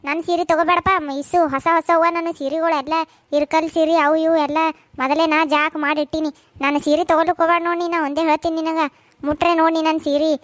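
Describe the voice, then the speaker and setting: A woman voicing quarrelling village women in a cartoon, shrill and cursing, with a North Karnataka accent. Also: no echo, close to an everyday voice. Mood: possessive. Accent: North Karnataka Kannada. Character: shrill quarrelsome village mother-in-law and daughter-in-law. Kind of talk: cartoon voice acting.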